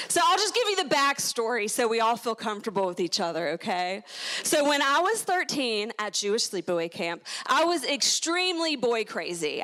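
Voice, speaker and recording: A woman in her thirties doing a stand-up comedy set on stage, self-deprecating with deadpan punchlines and playful voiced quotes. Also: a little high. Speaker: stand-up comedian and show host. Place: comedy stage with live audience.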